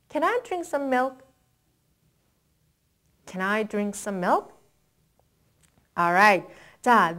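Lively, slow-drilling teacher. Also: female voice, fairly high pitch. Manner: switches between quick Korean explanation and slow, deliberate English model phrases. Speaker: English teacher. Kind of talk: language lesson with slow drill repetitions.

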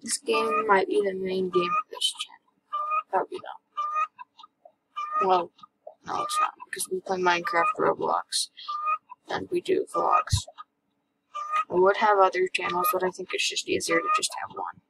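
A woman's voice: on the high side, wildly swooping pitch, moderate pace, gravelly, pauses often, sharp tone. Young girl chattering over gameplay. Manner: chatty, thinking aloud while playing. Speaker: gaming channel host. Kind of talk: casual gameplay commentary. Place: indoors at a computer. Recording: noisy home recording with keyboard clicks.

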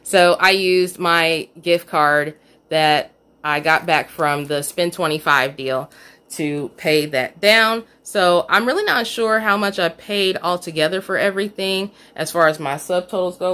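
A woman's voice: lowish voice, normal speed, sharp tone. Chatty woman recapping coupon deals. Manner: chatty, self-scolding about a missed coupon. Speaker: couponing vlogger. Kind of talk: casual haul walkthrough. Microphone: phone camera, off screen.

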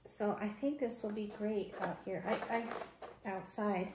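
A woman's voice: mid-range voice, steady tone, measured pace. A woman in her thirties chatting casually as she works at her kitchen counter, thinking aloud with ums and restarts, recorded on a camera across the counter. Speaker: homesteading vlogger. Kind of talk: casual how-to narration. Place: home kitchen, indoors. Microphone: fixed camera across the counter. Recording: echoey kitchen with background noise.

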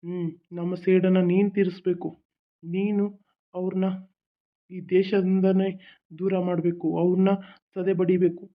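A man's voice: high-pitched, flat delivery, normal speed, long pauses, lightly acted. A man voicing the spirit of a dead father in a cartoon, solemn and urging revenge. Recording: tinny phone-like recording.

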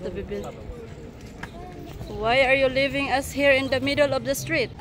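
A woman's voice: sits high, normal speed. A woman in her thirties with a Filipino accent, chatting and giggling as she vlogs while walking, mixing Tagalog, Cebuano and English, filmed on a selfie camera held at arm's length. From Philippines. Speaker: travel vlogger. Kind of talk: casual travel vlog. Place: outdoor city square on a sunny day. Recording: loud street noise behind.

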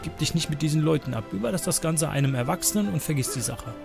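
A man's voice: fairly high pitch, expressive, quick pace, creaky, music in the background, voice pushed up. A man voicing a stern, protective old woman elder from a game, reading her lines in a lecturing, firm tone. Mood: warning.

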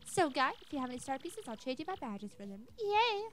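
A woman voicing an eager, excitable collector and trader from a video game. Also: high-pitched, a little fast, voice pushed up. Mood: eager, excited. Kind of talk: reading game dialogue aloud in character.

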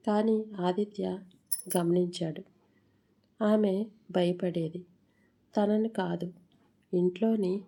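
A woman narrating a moral story in a measured storytelling manner, with the odd small slip. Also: medium pitch, mellow.

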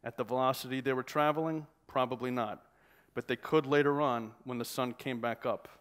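A man, the author, reading a passage from his novel aloud at a measured pace. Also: medium pitch, fairly even intonation, fairly bright tone, clear, resonant tone.

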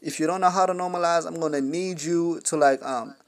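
A man's voice: on the high side, fairly quick. Rambling young man explaining app settings. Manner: rambling, lots of fillers, slangy. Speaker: music production tutorial host. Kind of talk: casual screen-recorded tutorial.

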